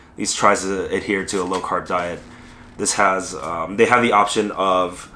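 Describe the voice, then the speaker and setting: A man from Southern California, hoarse from a lingering illness, chatting casually in a food vlog with many ums and pauses. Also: sits low, pushed and bright, a little hiss or hum. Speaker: food vlogger. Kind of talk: casual rambling mukbang vlog. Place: restaurant dining room.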